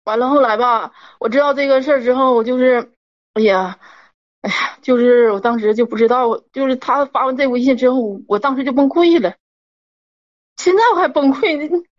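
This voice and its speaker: A woman's voice: high voice, brisk. A woman, a caller telling a personal story in a rambling, worked-up way and repeating herself. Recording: dull lo-fi audio.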